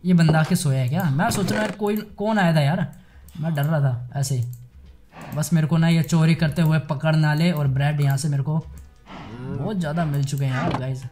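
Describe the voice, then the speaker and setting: Excitable young man narrating his gameplay. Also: fairly high pitch, fairly quick, over music. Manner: chatty, excitable, addresses viewers as guys and bhai sahab. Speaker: gaming YouTuber. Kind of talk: casual Minecraft let's play commentary.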